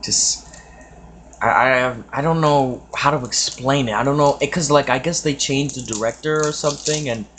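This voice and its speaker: A man's voice: medium pitch, normal speed, a bit bright. Young adult male reaction host, hesitant and rambling, mid-range voice, light background hiss. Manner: rambling, hesitant, full of fillers. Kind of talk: casual reaction commentary.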